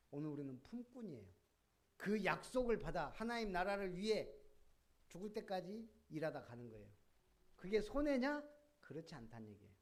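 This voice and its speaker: A man preaching a sermon as pastor of a church, lively, with rhetorical questions and sudden bursts of emphasis. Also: high-pitched.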